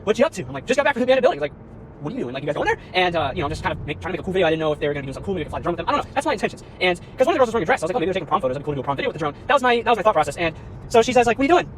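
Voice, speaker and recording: A man's voice: a little high, animated, a little hiss or hum. A man in his twenties rambling through a storytime vlog, filled with "like" and acted-out dialogue, recorded on a phone outdoors. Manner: fast, rambling storytelling full of "like" and quoted dialogue. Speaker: YouTuber. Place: outdoors by a road in the heat.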